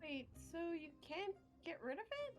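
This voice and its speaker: A woman playing a tabletop game, making quiet, wry asides over a video call. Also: high voice, normal speed, soft background music. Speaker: player. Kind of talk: tabletop role-play.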